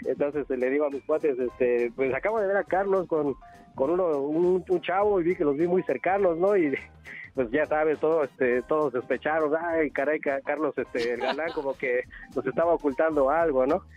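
A man's voice: fairly high pitch, moderate pace, a little mellow, soft background music. A man with a Mexican accent calling a radio show over a telephone line, rambling as he tells gossip and often chuckling. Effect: heard over a telephone line. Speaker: radio call-in caller. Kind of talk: casual phone chat, telling gossip. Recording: dull, muffled phone line.

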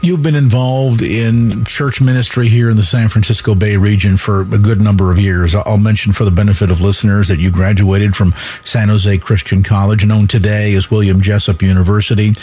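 A man hosting a radio talk show, asking long, measured interview questions. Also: lowish voice, level tone, warm tone, husky.

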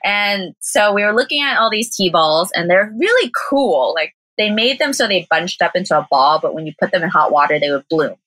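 Her lowish voice is expressive and fairly bright, moving a little fast with few pauses, on a low-quality recording without room sound. This young Southern California woman, a vegan cafe owner guesting on an interview, talks chattily with an American accent, laughing and using plenty of "like."

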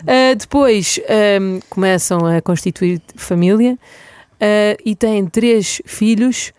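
Host, woman, European Portuguese accent, encouraging interviewer, mid pitch, dry mic. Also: takes it slowly, darkish tone, clean tone, no room sound. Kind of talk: casual interview.

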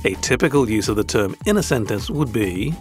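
A man's voice: lowish voice, lively intonation, a little fast, a little mellow, soft background music. A man with a British accent hosting a podcast, giving scripted tongue-in-cheek lessons in a stiff, formal, wordy manner. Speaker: podcast host.

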